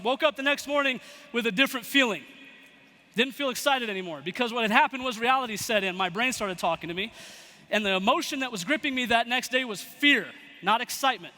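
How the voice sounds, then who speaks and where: A young man giving a motivational talk to a live audience, telling a story with lively acted-out quotes. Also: very high voice. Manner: animated storyteller acting out quoted voices. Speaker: motivational speaker. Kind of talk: storytelling keynote speech. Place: large event hall. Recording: long hall reverb.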